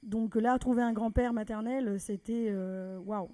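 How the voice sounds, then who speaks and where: Lively French woman telling her story. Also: fairly high pitch, a little slow. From France. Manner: lively, conversational, acts out the people she quotes. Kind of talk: live personal storytelling.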